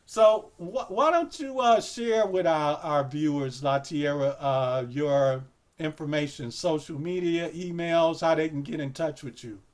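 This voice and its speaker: A man's voice: fairly high pitch, measured pace. A man hosting an interview, talking casually in a rambling way with many "you know"s and speaking directly to his viewers. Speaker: host.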